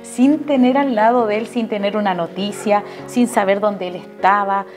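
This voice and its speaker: A woman's voice: medium pitch, fairly even intonation, moderate pace, a little mellow, soft background music. A woman with a Chilean accent giving an emotional faith testimony in a TV interview, earnestly turning to speak to the pastor again and again. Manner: earnest, keeps addressing the pastor directly.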